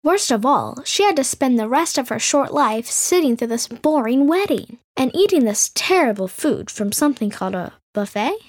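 A woman's voice: high-pitched, animated, moderate pace, hardly any pauses. A woman telling a fairy tale as the show's storyteller in scripted narration, with playful, sarcastic asides.

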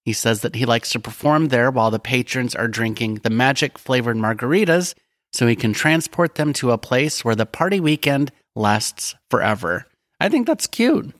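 A man co-hosting a podcast, talking about songs in a relaxed, friendly way. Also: mid-range voice, moderate pace, dry recording, clean studio sound. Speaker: podcast co-host. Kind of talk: casual chat.

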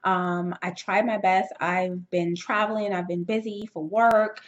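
A woman's voice: mid-range voice, steady tone, unhurried, highs cut off. A woman hosting her own podcast, talking casually and upbeat to her listeners from a setup at home. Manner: chatty and upbeat, switching into a soft breathy whisper for effect. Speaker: podcast host.

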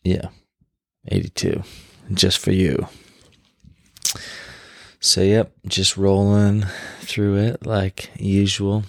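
A man with a very low voice and a gravelly fry at the edges talks as a podcast host. He sounds tired and rambles informally, unscripted, in a close, dry recording. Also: level tone, drawn-out words, pauses often, dry recording. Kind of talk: casual solo podcast chat. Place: bedroom in a new home, on his bed.

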